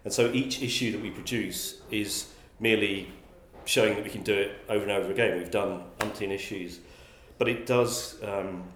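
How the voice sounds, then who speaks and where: Speaking at normal speed with hardly any pauses, an English man's lowish, steady, slightly bright voice answers interview questions over slight background noise and a roomy echo. He's a magazine publisher and guest, thoughtful, frequently restarting and repeating words.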